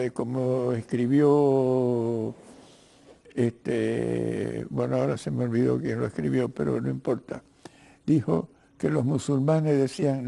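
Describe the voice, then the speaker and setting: Appearing as a guest on a broadcast political interview, an older man from Cuba who works as a writer and lawyer speaks with a Cuban-Argentine Spanish accent. His medium-pitched, mellow voice carries vocal fry, and his professorial delivery is halting, with words repeated as he searches for what comes next.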